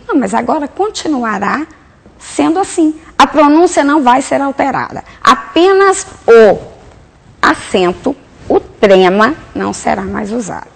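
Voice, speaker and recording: A woman's voice: fairly high pitch, creaky. A woman giving a grammar lesson as a teacher, explaining step by step and answering her own questions. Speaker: Portuguese teacher.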